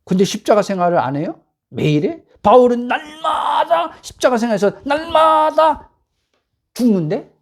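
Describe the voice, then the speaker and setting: A woman pastor delivering a sermon at home, pressing the congregation with rhetorical questions and rising to near-shouts for emphasis. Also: fairly high pitch, big pitch swings, moderate pace.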